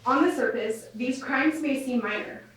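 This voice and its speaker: A nervous woman reading a prepared victim impact statement aloud in a courtroom, measured and formal with soft fillers, captured on a courtroom recording. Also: high voice. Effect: courtroom audio recording. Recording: echoey courtroom, distant mic, faint hiss.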